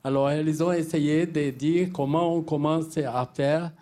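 An older man from Brazil with a Brazilian accent, a Portuguese speaker talking haltingly in French as he addresses a public discussion from the audience. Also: on the high side, steady tone, warm tone. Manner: halting, searching for words in non-native French. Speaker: audience member making a comment. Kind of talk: spontaneous spoken remarks at a public discussion.

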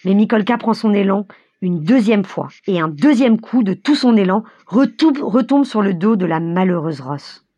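Brief: woman audiobook narrator, husky, expressive, dry close mic. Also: mid-range voice, moderate pace, no room sound, highs cut off. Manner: vivid, expressive storytelling.

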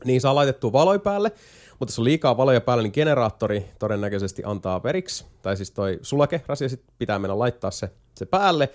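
A man chatting casually as a podcast host, explaining a video game at length with lots of hesitation fillers and a few jokes. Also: mid-range voice. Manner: jokey, lively storytelling. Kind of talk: casual chat.

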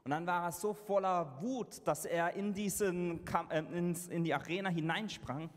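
A man gives a live interpretation of a sermon, pausing, using fillers and fixing his own slips. His voice is slightly high for a man. A long reverb hangs in the big hall around him. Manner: halting, with fillers and self-corrections.

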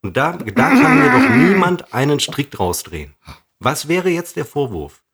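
Man, husky voice, lively swinging pitch, podcast co-host, ironic, mock-calm, teasing. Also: unhurried. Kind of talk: casual podcast banter.

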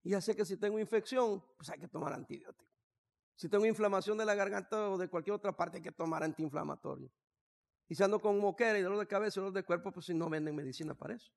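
Gravelly high-pitched man preaching, age sixty. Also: fast talker. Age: 60s. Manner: humorous storytelling, swings from quiet asides to shouting. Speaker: pastor. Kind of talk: sermon.

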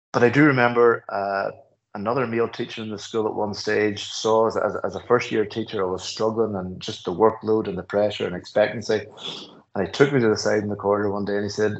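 Northern Irish man, middle-aged, deepish voice, earnest storyteller, muffled lo-fi sound. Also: gravelly. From Northern Ireland. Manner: earnest, anecdotal, frequent restarts. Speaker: school principal, guest. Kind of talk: reflective interview conversation.

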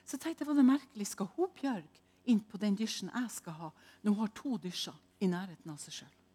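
A woman preaching a sermon, telling a personal story dramatically and moving between hushed and loud delivery. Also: mid-range voice, lively intonation, slightly rough.

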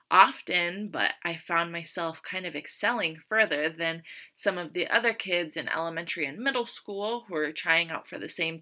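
A young woman hosts her own podcast, chatting casually through childhood stories with lots of "um"s and quick laughs. Her voice sits a little low but rings bright and forward. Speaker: podcast host. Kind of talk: casual storytelling monologue.

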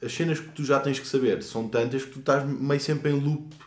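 Fast-talking slangy Portuguese pilot. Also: male voice, mid-range voice, steady tone. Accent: European Portuguese. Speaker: airline pilot. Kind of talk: casual podcast chat. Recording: roomy echo.

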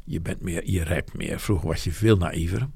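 A man's voice: sits low, normal speed, creaky, a little mellow, breathy edge, no echo, studio quality. A man, talking frankly and at length about his business life, rambling and self-deprecating. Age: 70s. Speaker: interviewee, business owner. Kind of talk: reflective interview talk.

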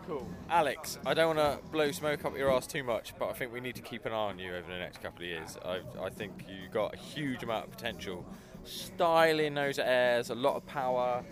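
A man's voice: medium pitch, music in the background. Chatty male interviewer. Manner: chatty and encouraging, quick follow-up questions. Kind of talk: casual outdoor interview. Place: outdoor skateboard competition.

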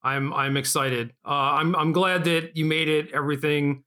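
A man's voice: a little high, fairly even intonation, normal speed, bright, forceful tone. A man hosting a podcast, chatting casually with his co-host.

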